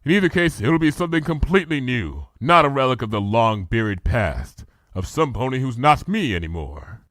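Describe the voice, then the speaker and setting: A man's voice: medium pitch, big pitch swings, moderate pace, a bit bright, no echo. A man voicing a regal, remorseful ancient princess mare who speaks in a solemn, formal way for a storybook reading. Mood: remorseful, earnest.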